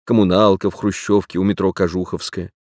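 A man reading an audiobook plays a frank, wistful man of about forty-two who speaks earnestly and gravely. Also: low-pitched, level tone, a little fast, a little mellow, no room sound, clean studio sound, lightly acted. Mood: nostalgic. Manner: earnest, grave, sentimental confession.

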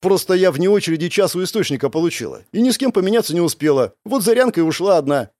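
A man voicing a cheeky, bossy young dark-haired girl in an audiobook, teasing and quick. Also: sits high, expressive, dry recording, clean studio sound, voice pushed up. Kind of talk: audiobook character voice.

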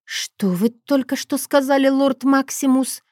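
A woman voicing a defiant young heroine, an older sister who answers with sharp, indignant retorts. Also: high voice, unhurried, no echo, studio quality, voice pushed up. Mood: alarmed.

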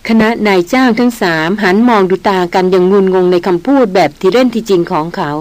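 A woman narrating an adventure novel as an audiobook in an even storytelling manner. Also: mid-range voice, quick pace.

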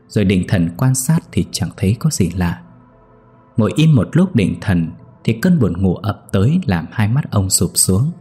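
A man narrating a horror story in a slow, somber, scripted style. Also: on the low side, dark tone, slightly rough.

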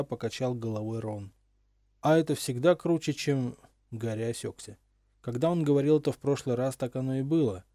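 A man narrates a homemade audiobook in an even, measured way. His voice is mellow and dark, and the recording is close and dry. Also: medium pitch, dry recording. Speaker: audiobook reader.

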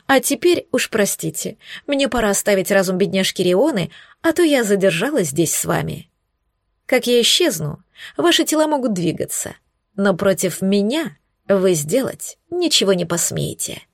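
A woman voicing a scornful, smug young female witch who mocks and threatens in slow, hissing tones, recorded dry and close. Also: medium pitch, very animated, creaky, no echo. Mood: sneering. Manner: mocking, hissing, drawn-out threats.

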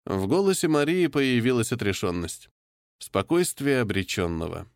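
A man narrating a first-person audiobook in a steady, measured way. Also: medium pitch, dry recording, clean studio sound.

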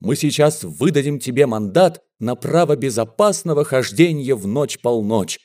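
Man voicing a wiry thirtyish bandit, ringing tenor, fiery oaths, swooping lively delivery, storybook reading. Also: mid-range voice, moderate pace, natural voice. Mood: fervent. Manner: fiery, chest-thumping oaths. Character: thin male bandit, 35, ringing tenor, hot-tempered.

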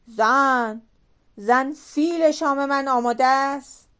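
A woman voicing a huge, suspicious man-eating male giant in an audiobook folk tale, calling out loud demands. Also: sits high, pitched above the performer's own voice. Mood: demanding.

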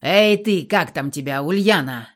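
A woman's voice: deep voice, animated, measured pace. A woman doing a crude, mocking male thug. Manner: coarse, mocking and swearing. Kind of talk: audiobook reading.

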